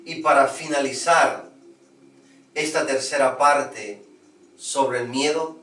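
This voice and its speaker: Slow, measured male spiritual teacher. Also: mid-range voice, steady tone, sharp tone. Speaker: esoteric teacher. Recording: echoey room, distant mic.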